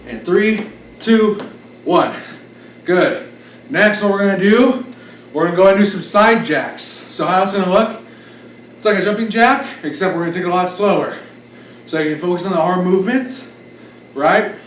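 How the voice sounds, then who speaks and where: A man's voice: high voice, moderate pace, a bit bright, a little hiss or hum. A man leading an exercise class as instructor, giving short encouraging cues and counts. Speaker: fitness instructor. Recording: roomy echo, distant mic, background music. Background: music.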